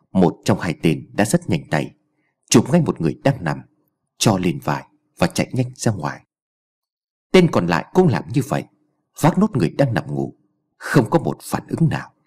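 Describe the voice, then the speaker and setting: A man narrating an audiobook story in an expressive storytelling manner. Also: low-pitched, breathy edge.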